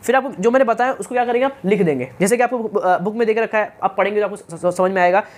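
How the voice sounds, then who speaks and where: A man's voice: high voice, fast talker. A male teacher giving a science lecture, who keeps asking his students questions, answering them himself and checking that they follow. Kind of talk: classroom-style science lecture.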